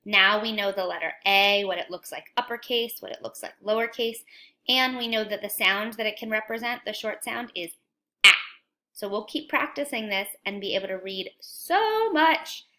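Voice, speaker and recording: A woman teaching young children a phonics lesson, talking slowly and clearly in an encouraging sing-song way. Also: mid-range voice, animated, bright, forceful tone.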